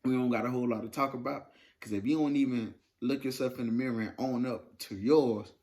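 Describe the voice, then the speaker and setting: A man's voice: medium pitch, steady tone, brisk, a little mellow. A man co-hosting a casual relationship talk show, speaking earnestly and conversationally. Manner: earnest, conversational, uses many fillers. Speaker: podcast co-host. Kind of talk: casual chat.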